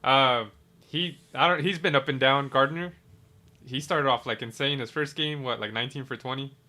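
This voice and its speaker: A man's voice: medium pitch, normal speed. A man hosting a podcast, telling stories in casual chat, acting out quotes and laughing, with some swearing. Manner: animated storyteller, laughs through retold quotes, swears. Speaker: podcast host.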